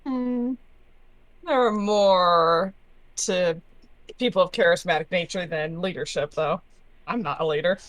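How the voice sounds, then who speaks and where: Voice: medium pitch, measured pace, long pauses, fairly bright tone, no room sound, rough recording. A player in a group voice chat, talking casually and a little hesitantly during a role-playing game.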